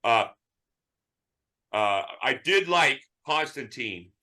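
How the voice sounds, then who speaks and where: A man co-hosting a casual movie chat, telling animated stories and ranting. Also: mid-range voice, slow. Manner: animated storyteller, ranting, does voices. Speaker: podcast co-host.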